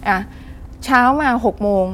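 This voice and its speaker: A woman calls in to share a personal experience, telling it vividly at a measured pace, with a little hiss or hum in the audio. She's polite and animated, frequently addresses the host, and acts out voices as she narrates.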